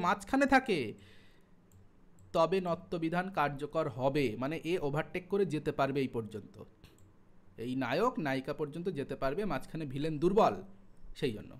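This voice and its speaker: A young man with a West Bengal Bengali accent teaching an online exam-prep lesson, chatty, with asides and everyday examples and drawn-out spelling of sounds. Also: high voice. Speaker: Sanskrit exam tutor.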